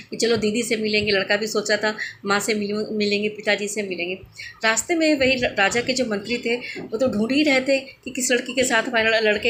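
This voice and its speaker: Woman telling an old devotional story, kinda high voice, faint hiss behind. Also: a bit bright. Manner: plain homely telling with many fillers and restarts.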